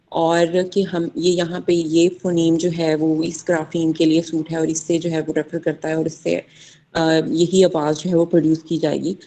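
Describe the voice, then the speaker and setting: A young woman presents to her class in a mellow, somewhat low voice. She halts often and fills her pauses as she explains. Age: young adult. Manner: hesitant, many fillers, mixes Hindi-Urdu and English. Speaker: student presenter.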